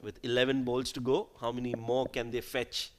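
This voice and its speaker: A man commentates live on cricket over a faintly noisy background. His pitch is average for a man, and he talks conversationally, as if chatting with a partner in commentary. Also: level tone, moderate pace.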